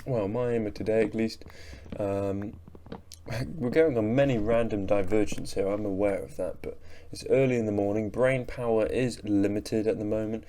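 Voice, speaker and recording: A young gaming channel host with a low, dark-toned voice narrates his gameplay at a moderate pace. His relaxed voice-over is sleepy, rambling and self-mocking, with yawns between remarks.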